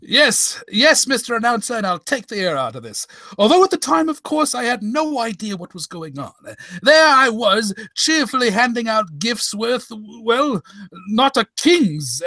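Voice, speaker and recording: A man playing a genial, fussy gentleman doctor who stammers and apologises as he tells tales in a comic radio play. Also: very high-pitched, no room sound, heavily acted. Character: genial, fussy, doddery gentleman doctor, Watson, recounting adventures. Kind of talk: comic old-time radio storytelling.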